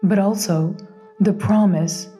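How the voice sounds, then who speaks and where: A woman reading scripted nature documentary narration in a measured, reverent manner. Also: medium pitch, fairly even intonation, mellow, soft background music.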